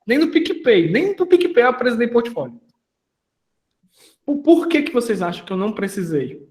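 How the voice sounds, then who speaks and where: A man's voice: extremely high pitch, very animated, normal speed, darkish tone, echoey room. A man mentoring an online audience in a casual, slangy talk, asking them questions as he goes.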